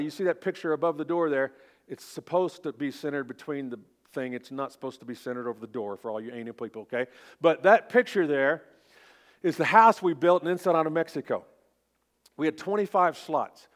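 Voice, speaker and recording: A man in his fifties with an Oklahoma accent, preaching as a pastor in a folksy, informal, self-deprecating way. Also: sits high. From Oklahoma, United States. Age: 50s. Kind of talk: sermon.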